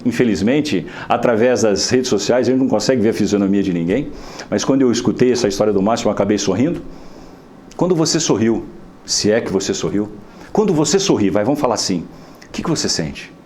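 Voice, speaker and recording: A man with a Brazilian Portuguese accent giving an inspirational lecture at a spiritist center, talking in a lively, conversational way full of tag questions. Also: mid-range voice, a little fast, a little hiss or hum. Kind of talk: inspirational lecture with a humorous story.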